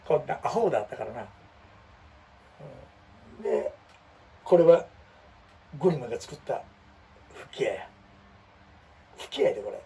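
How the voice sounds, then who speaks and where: A man's voice: medium pitch, a little slow, long pauses, slightly rough, distant mic. A man with a Kansai accent chatting casually and animatedly, poking fun at himself as he talks through his things. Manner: chatty, animated, self-mocking. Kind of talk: casual chat.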